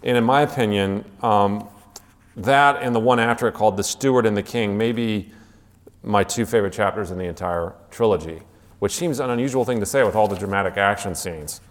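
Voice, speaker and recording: A man's voice: on the low side, fairly quick, big-room sound. A male teacher giving an enthusiastic classroom lecture, with frequent restarts and asides. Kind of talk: classroom lecture with read-aloud passages.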